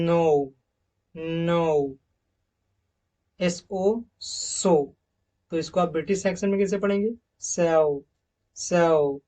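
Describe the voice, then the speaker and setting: A male English teacher with a fairly high voice lectures on phonetics using slides. Every example word gets stretched and repeated at an emphatic, louder volume, after which he slips back into quick explanations.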